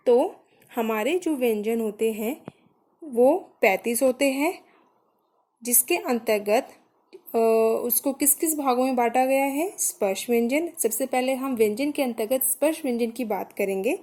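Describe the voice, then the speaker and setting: A woman's voice: sits high, normal speed, a little mellow. A young woman teaching a grammar lesson, patiently saying sounds one at a time for learners to copy.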